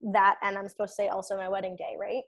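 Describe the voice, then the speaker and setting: A woman's voice: medium pitch, flat delivery, fast, fairly bright tone, low-quality recording. A woman guest in an interview, a retired athlete telling candid stories and laughing easily. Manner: reflective, candid storyteller who laughs easily. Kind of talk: casual interview chat.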